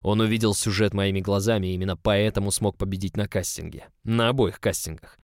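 A man voicing a tall Norwegian writer and boss, commanding and full of desire, in a low, measured, intimate reading. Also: steady tone, no echo, studio quality, natural voice. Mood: brooding. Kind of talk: audiobook character reading.

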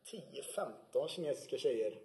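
Laughing podcast host, echoey room. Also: male voice, mid-range voice, gravelly. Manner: laughs often, relaxed storytelling. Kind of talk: casual chat.

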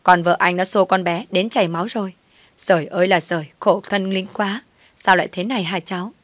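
A woman voicing a fussy middle-aged mother-in-law who scolds in a shrill, bossy way. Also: fairly even intonation, a little fast, a bit bright, no echo, close to an everyday voice. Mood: scolding.

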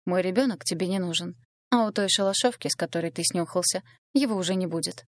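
A venomous, sneering young woman with a raised, bright edge to her voice, as a female reader puts her on. The recording is dry and close, with no room sound. She spits scorn and gloats over her schemes. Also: fairly low pitch, fast, no echo, close to an everyday voice. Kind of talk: audiobook dialogue reading.

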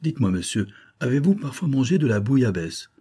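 A man's voice: medium pitch, very animated, fairly quick, dark tone, breathy edge, pitched above the performer's own voice. A man voicing a mischievous old sailor who teases in a sly, drawling way.

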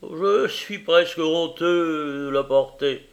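A man's voice: a little high, slow, vocal fry. A man reading aloud, voicing a poor, doting old toymaker father who speaks cheerfully and reassuringly.

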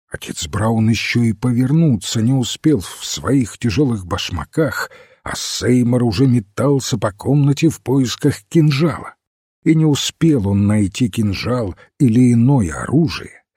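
A man narrating an audiobook in a measured, even storytelling manner. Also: medium pitch, breathy edge, no echo, studio quality. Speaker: audiobook reader. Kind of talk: scripted narration.

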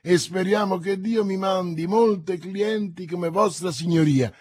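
A man's voice: high voice, measured pace, darkish tone, voice pushed up. A man voicing a jovial, mercenary sea captain in an audiobook reading, hearty in manner.

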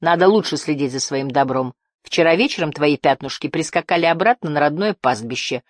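A woman reading the lines of a gruff, surly male villager with a snappish manner. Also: deep voice, animated, brisk, no echo, clean studio sound.

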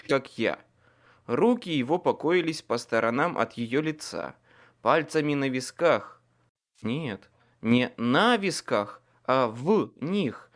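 A man reading a first-person audiobook in an expressive, dramatic way. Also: mid-range voice. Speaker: audiobook narrator.

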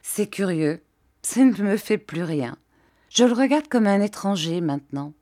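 A woman's voice: mid-range voice, expressive, unhurried, mellow, no echo, clean studio sound, close to an everyday voice. A woman voicing a lighthearted young noblewoman. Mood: wondering. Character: young noblewoman, amused and detached.

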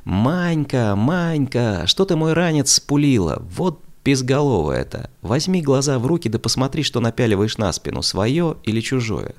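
A cheeky, hot-tempered schoolboy teases and shouts, voiced by a man reading a storybook. The voice is pushed up high but keeps a gravelly grain. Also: animated, normal speed, few pauses. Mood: teasing. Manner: loud, teasing.

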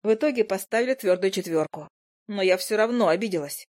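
A woman narrating a first-person audiobook in a lively, expressive way. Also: medium pitch, quick pace. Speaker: audiobook reader.

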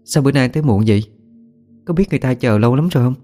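A man's voice: medium pitch, rapid-fire, dark tone, soft background music, voice pushed up, natural voice. A man voicing a young woman scolding her boyfriend for being late. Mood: reproachful. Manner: reproachful. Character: young woman, sulky reproachful lover.

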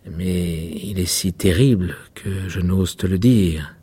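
A grave red rosebush speaks slowly and solemnly, sinking to a hush, as a man voices it. The voice is husky and heavy. It sounds like a storybook plant with a dark secret. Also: low voice, full character voice. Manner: slow, solemn, hushed.

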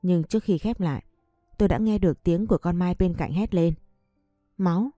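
A young woman narrating a first-person audiobook story in a steady, even way. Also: fairly low pitch, fairly quick, no echo, studio quality, faint music behind.

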